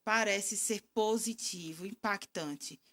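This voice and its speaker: A middle-aged woman answering interview questions in a calm, reflective, explanatory way. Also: medium pitch, takes it slowly. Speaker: guest communication expert.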